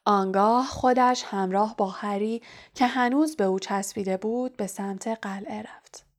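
A woman narrating a children's fantasy novel aloud in a steady, expressive reading. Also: medium pitch. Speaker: audiobook narrator. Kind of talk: storybook narration.

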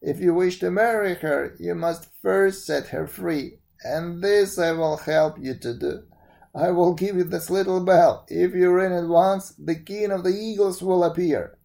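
A storyteller voicing a kindly old fairy woman in disguise, speaking slowly and solemnly. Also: mid-range voice, vocal fry, dark tone, voice pushed up.

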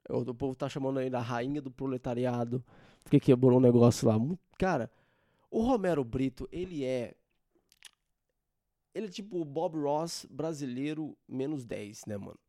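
A man's voice: mid-range voice, moderate pace, warm tone, no echo. A young man hosting a solo podcast, ranting in an informal, slangy and sarcastic way into a close mic. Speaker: podcast host. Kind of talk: casual solo podcast rant.

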